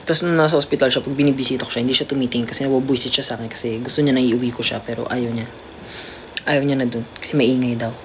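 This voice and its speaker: A livestream host chatting casually to viewers about a pet cat, at times slipping into a high coaxing baby voice for the cat. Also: level tone, quick pace, slight background noise. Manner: chatty, keeps addressing viewers.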